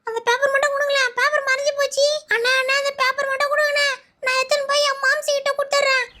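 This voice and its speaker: A performer voicing a mischievous little schoolboy who whines and pleads, often close to tears, in a squeaky high voice. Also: flat delivery, very fast. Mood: eager. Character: mischievous little schoolboy Shinchan, fretful about exams. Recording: loud background noise.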